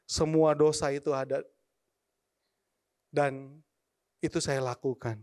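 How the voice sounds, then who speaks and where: A man, telling his testimony in church as an animated storyteller who addresses the congregation directly. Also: fairly high pitch, takes it slowly. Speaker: testimony speaker.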